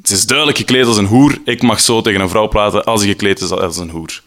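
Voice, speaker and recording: A man's voice: on the low side, fast, a bit bright, lightly acted. A man with a Flemish accent voicing an aggressive young man on a tram, brash, taunting and crude.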